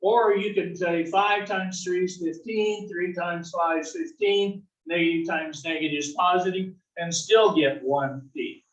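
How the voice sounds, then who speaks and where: A man from the south-central US teaches an algebra class in a folksy lecture, tossing in corny jokes and often checking in with "right?". His voice is high with fairly even intonation, a little slow and with hardly any pauses. The muffled recording comes from a distant mic in an echoey classroom.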